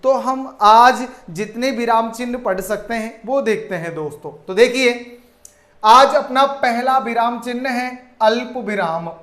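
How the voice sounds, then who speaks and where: Slow, echoey Hindi grammar teacher man. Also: very high-pitched, a bit bright. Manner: addresses viewers as friends, asks and answers own questions. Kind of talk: online grammar lesson. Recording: echoey room.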